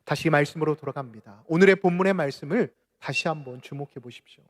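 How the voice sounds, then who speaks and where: A man preaching a sermon as pastor of a church, with dramatic swings from loud cries to near-whispers. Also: a little high, fast talker. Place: church sanctuary.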